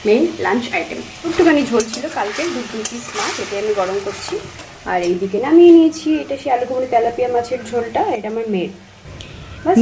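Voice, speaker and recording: Fast-talking woman vlogging her chores. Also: a little high, dark tone, poor audio. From Bengal. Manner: chatty, explains chores to viewers. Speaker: vlogger and homemaker. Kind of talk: casual vlog narration. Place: home kitchen.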